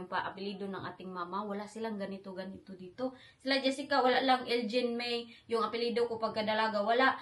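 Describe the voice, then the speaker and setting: A young Filipina woman, vlogging as she retells an emotional travel story and mixes English phrases into her talk. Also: mid-range voice. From Philippines. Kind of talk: storytelling vlog, retelling with quoted voices.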